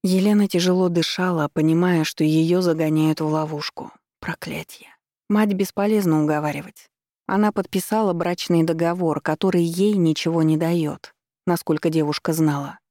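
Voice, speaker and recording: A woman narrating a novel in a measured storytelling manner. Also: on the low side, fairly even intonation, warm tone, dry recording, studio quality. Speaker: audiobook narrator. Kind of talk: scripted narration.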